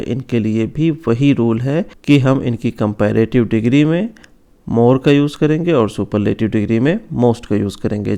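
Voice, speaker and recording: Mellow-voiced man teaching grammar. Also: medium pitch, clean tone. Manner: slow, careful stress on example words. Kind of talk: explanatory online lesson.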